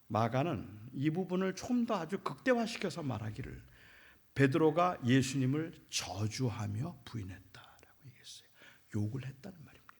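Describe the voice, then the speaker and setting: Male pastor preaching in church, raspy and husky, goes loud then drops to a whisper, keeps asking the congregation questions. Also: a little high. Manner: dramatic, swings between loud emphasis and hushed near-whispers. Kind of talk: sermon.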